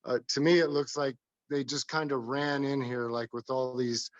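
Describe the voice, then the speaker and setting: Hoarse man talking casually, muffled sound. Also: mid-range voice, fairly even intonation. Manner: hesitant, halting. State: losing his voice, hoarse. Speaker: tile installer showing his work. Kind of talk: casual informal walkthrough talk.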